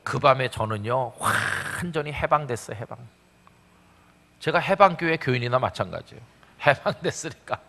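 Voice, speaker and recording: A man's voice: fairly high pitch, sharp tone. A middle-aged man preaching a revival sermon, telling stories with acted-out quotes and rhetorical questions. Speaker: pastor. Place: large church sanctuary. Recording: long church hall reverb.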